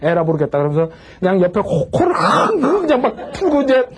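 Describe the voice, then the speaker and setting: A man preaching in Korean, telling a personal story with animated swings from hushed to crying out, acting out the voices he quotes. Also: high-pitched, fairly quick, noisy background. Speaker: pastor and lecturer. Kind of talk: sermon-style storytelling lecture.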